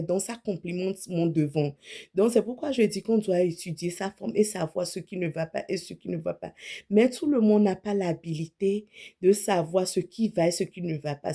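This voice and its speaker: An image consultant in her thirties talks casually and frankly to camera about what to wear, often correcting herself mid-sentence. Her voice is lowish and mellow.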